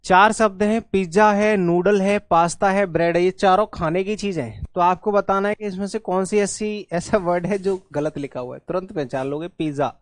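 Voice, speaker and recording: A man with a somewhat high voice runs an exam-prep English lesson, explaining spellings in Hindi with English words mixed in. He keeps checking in with his students as he goes. The sound is dry and close, with no room echo. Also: normal speed, few pauses. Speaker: English teacher.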